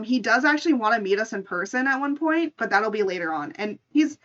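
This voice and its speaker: This is casual livestream storytelling and chat: a woman streamer improvises a tale and talks informally with her audience. Her mid-range voice is a bit bright, and the high frequencies are cut off.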